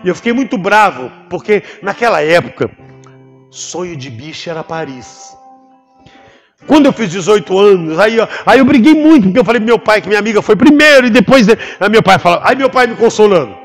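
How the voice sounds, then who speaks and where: A man with a Brazilian Portuguese accent, a pastor giving an animated testimony in church and acting out the voices in his story. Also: high voice, brisk. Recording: long hall reverb with faint music behind.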